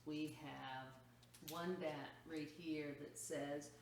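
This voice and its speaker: A woman with a low-pitched, steady voice reads a picture book aloud to children as a story time host, going very slowly. She draws out words expressively and adds chatty, explanatory asides, recorded in an echoey room on a distant mic with faint noise.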